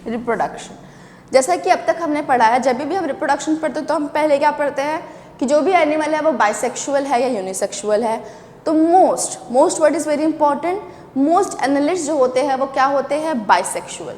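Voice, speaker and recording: A woman's voice: high-pitched, lively intonation, a little mellow, in a large hall, a little hiss or hum. A woman teaching a biology lecture in a classroom, explaining step by step, asking the class questions and stretching out key terms. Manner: drawn-out emphasis on technical words, then bursts of quick speech. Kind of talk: classroom lecture mixing Hindi and English.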